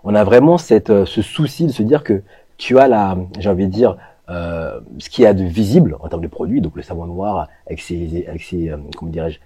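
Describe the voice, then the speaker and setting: A man's voice: low-pitched, brisk, dark tone, breathy edge, no room sound. A man from France giving interview answers as a brand co-founder, speaking thoughtfully and hesitantly with many fillers. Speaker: co-founder of a natural products brand.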